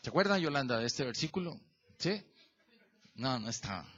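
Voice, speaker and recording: A male pastor works through a verse phrase by phrase in a lively, animated sermon, questioning the congregation and calling on members by name. His mid-range voice moves at a moderate pace, and the recording sounds muffled.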